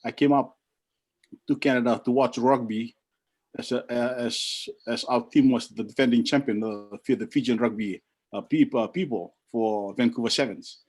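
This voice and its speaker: A man's voice: mid-range voice, steady tone, darkish tone. Older man from Fiji giving a toast. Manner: halting, with many fillers and restarts. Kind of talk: casual toast on a video call. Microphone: video call.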